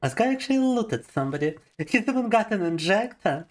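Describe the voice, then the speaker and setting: A man's voice: high-pitched, sing-song, brisk. A man and native Russian speaker chatting casually on a gaming livestream, laughing often and explaining things to viewers as he plays, into a desk microphone.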